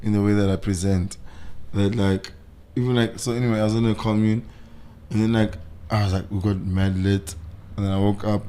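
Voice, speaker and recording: A man from South Africa, a podcast guest, telling a story in candid casual chat, halting and repeating words. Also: fairly low pitch, little pitch movement, mellow, smooth. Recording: noisy recording.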